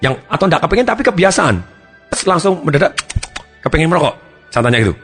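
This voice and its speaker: A man giving a self-help talk as a therapist, acting out his client's words in animated shifting voices. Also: on the high side, quick pace, slightly rough, soft background music. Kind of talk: motivational talk with acted anecdotes.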